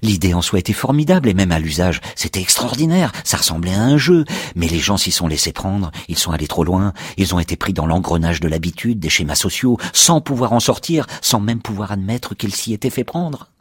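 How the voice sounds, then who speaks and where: Excitable defiant confessor, voiced by a man: low, husky, dry, bursts loud. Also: fairly quick, dry recording. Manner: excitable, sarcastic, swings to shouting. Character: agitated man confessing he killed his noisy house.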